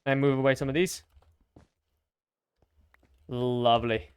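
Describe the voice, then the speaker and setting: A man's voice: medium pitch, steady tone, slow pace, clear, resonant tone, no room sound. A young man casually commenting to his stream as he builds, chatty and self-mocking, humming little sound effects between remarks.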